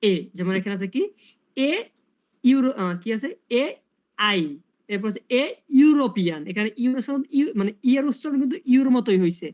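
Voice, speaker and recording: A man's voice: sits high, lively intonation, a little fast, darkish tone, muffled recording. A man tutoring English grammar in a casual online lesson, explaining step by step and asking rhetorical questions.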